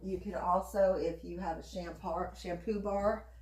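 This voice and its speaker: A woman giving a casual, chatty craft demonstration, unhurried and sometimes half talking to herself as she works. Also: on the low side, steady tone, darkish tone. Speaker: soap maker demonstrating her craft. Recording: echoey room.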